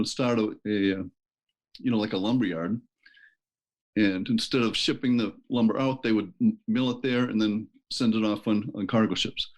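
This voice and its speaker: A middle-aged man from Maine, a book author telling family history in a casual interview, rambling with many ums and restarts. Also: fairly low pitch. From Maine, USA. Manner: rambling, hesitant with many fillers. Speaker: author guest.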